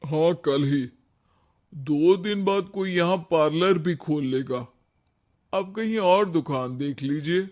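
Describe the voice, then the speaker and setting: A man's voice: on the high side, slow pace, darkish tone. A man voicing a blunt shop landlord who turns away a would-be tenant in a cartoon story. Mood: dismissive. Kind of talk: cartoon voice acting.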